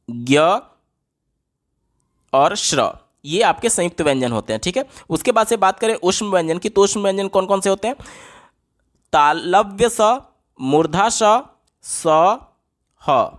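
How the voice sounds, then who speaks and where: High-voiced man teaching exam answers. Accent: Hindi. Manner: repeats questions and answers them himself. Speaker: teacher solving exam questions. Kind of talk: explaining lesson on screen.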